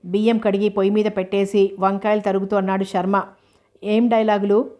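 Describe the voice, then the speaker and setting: A woman narrating a novel in a steady, even reading. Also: medium pitch, fast.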